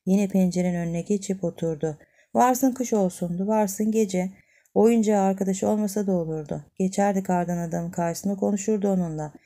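A woman narrating a children's story in a calm, measured way. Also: medium pitch. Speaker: audiobook narrator.

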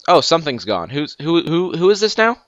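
A teenage boy hosting a casual game let's play, rambling and excitable with lots of fillers and restarts. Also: fairly high pitch, fairly quick, no room sound. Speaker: gaming channel host. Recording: dull lo-fi dry mic.

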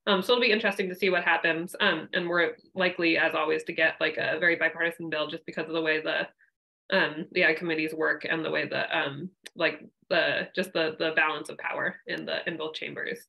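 A young woman on a video call explaining farm policy, talking in a halting way with many fillers and restarts. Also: low voice, fairly even intonation, gravelly, bright, forceful tone, poor audio. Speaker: regional policy staff. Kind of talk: panel discussion. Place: home room.

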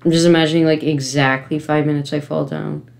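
A woman giving let's-play commentary from her home computer setup, frustrated, pleading with the game and breaking into sudden gasps and yells. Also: low-pitched, fairly even intonation, brisk, vocal fry. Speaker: gamer.

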